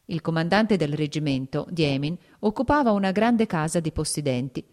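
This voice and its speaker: A woman reading a classic novel aloud as an audiobook narrator, in a steady, even storytelling manner. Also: low-pitched, normal speed. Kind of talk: scripted literary narration.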